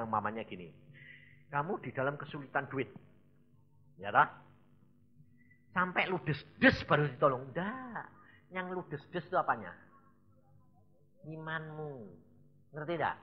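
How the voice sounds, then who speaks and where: A man, preaching a sermon as an evangelist, swinging between loud emphasis and low asides and questioning the congregation. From Indonesia. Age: 70s. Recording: dull lo-fi recording.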